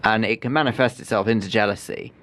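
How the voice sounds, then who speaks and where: A man's voice: on the low side, fast talker, a bit bright. A man co-hosting a casual radio chat, chiming in reflectively and apologising for his tangents. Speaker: radio co-host. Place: radio studio.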